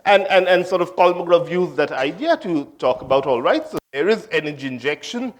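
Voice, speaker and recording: A man's voice: fairly high pitch, animated, fairly quick. A man from India giving an academic conference talk on physics, hesitant, with many fillers and restarts. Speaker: physics lecturer.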